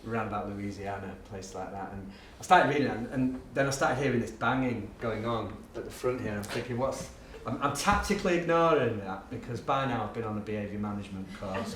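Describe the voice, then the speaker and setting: A teacher and education speaker tells classroom stories to a live audience, lively and self-mocking, acting out the voices in his tales. His voice is mid-range, picked up from a distance in an echoey room, with a little hiss or hum.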